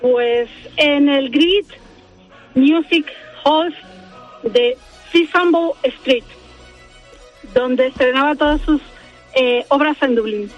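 A woman's voice: high-pitched, takes it slowly, long pauses, soft background music, low-quality recording. A woman calling in over the phone to a radio show, giving polite, brief and slightly hesitant answers. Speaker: radio caller. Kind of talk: quiz answers on a call-in show.

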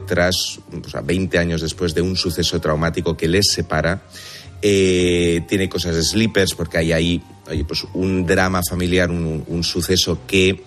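Deep voice guy doing a tv review chat, stumbly repeats words, bit of music under. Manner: hesitant, repeats words while explaining. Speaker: series critic on a review show. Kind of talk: conversational TV series review.

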